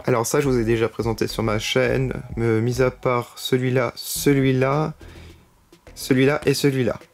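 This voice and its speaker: A man's voice: mid-range voice, level tone, normal speed. A man with a French accent chatting enthusiastically while unboxing collectible figurines, with lots of fillers. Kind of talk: casual unboxing vlog.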